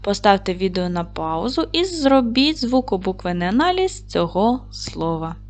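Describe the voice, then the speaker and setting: A woman's voice: medium pitch, very animated, normal speed. A woman teaching a recorded lesson to young children. She is patient and encouraging, asks questions, and answers them herself. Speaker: primary school teacher.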